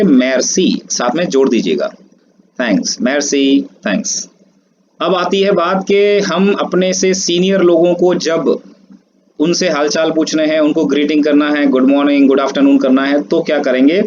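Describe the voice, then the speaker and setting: A man's voice: a little high, moderate pace. A man teaches a screen-based language lesson, spelling words out letter by letter and drawing out pronunciations. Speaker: French teacher. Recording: dull lo-fi audio, steady background noise.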